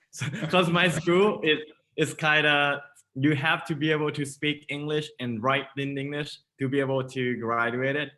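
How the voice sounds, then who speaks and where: A man's voice: on the high side, fairly even intonation, moderate pace, bright, forceful tone, a little hiss or hum. A man from Thailand with a Thai accent, a startup founder in his thirties chatting casually as an interview guest, laughing often and using non-native phrasing.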